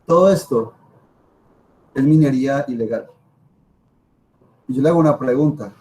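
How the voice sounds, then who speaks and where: A man's voice: medium pitch, normal speed, warm tone. A man with a Colombian accent giving an informal lecture as a professor, emphatic, repeating himself and asking rhetorical questions. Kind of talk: informal spoken lecture to students.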